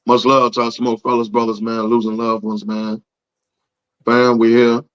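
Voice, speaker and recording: Raspy, hoarse man with a worn-out voice. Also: mid-range voice, little pitch movement, moderate pace, highs cut off. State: hoarse, voice nearly gone after yelling. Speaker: podcast co-host. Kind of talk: casual chat among friends.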